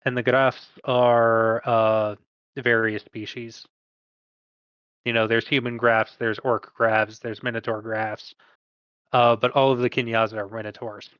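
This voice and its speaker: A man's voice: medium pitch, level tone, unhurried, clear, resonant tone, dry recording. A man acting as game master, explaining a homebrew tabletop setting in a casual, hesitant way with profane asides. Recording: dull lo-fi mic, dry.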